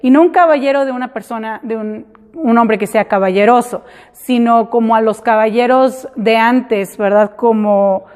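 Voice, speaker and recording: A woman teaching a class, explaining slowly and repeating example words in English. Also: fairly high pitch, fairly even intonation, darkish tone. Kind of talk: classroom lesson. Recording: hall reverb.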